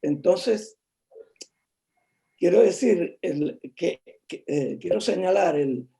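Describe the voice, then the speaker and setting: A man in a political video-call discussion, speaking haltingly with many restarts and fillers. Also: sits high, vocal fry, warm tone. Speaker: discussion participant.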